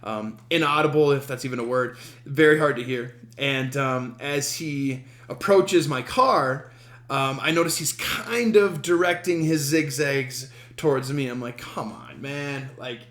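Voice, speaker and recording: A man from Denver hosting his podcast, telling a story in a casual, halting way full of ums, with a wry, self-amused humor. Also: medium pitch, a bit bright, echoey room. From Denver, USA. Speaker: podcast host.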